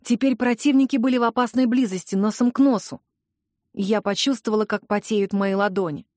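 A woman reading a first-person young-adult novel aloud, expressive and lively. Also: a little high, brisk, dry recording. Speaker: audiobook reader. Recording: dry close studio sound.

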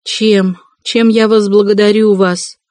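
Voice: mid-range voice, level tone, slow pace, a little mellow, no room sound, studio quality, voice pushed up, natural voice. A reader voicing a timid, tearful elderly mother who pleads in a raised voice. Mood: anxious pleading.

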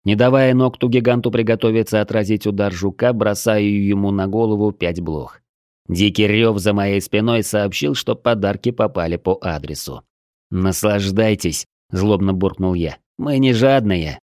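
A man reading a first-person adventure audiobook in a measured, steady storytelling manner. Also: on the low side, dry recording, clean studio sound. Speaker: audiobook narrator.

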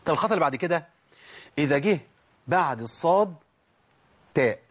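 A husky, slightly high-voiced man with an Egyptian Arabic accent teaches Quran recitation at a brisk clip. He keeps throwing out rhetorical questions and answering them, then stretches out single syllables to model the sounds. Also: lively intonation. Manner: slows to drawn-out syllables when demonstrating pronunciation. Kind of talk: spoken tajweed lesson.

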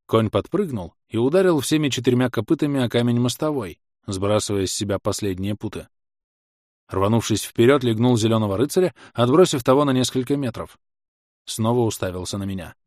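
A man reading first-person fantasy action in a brisk, vivid audiobook style. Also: mid-range voice, darkish tone, no echo, clean studio sound. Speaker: audiobook narrator.

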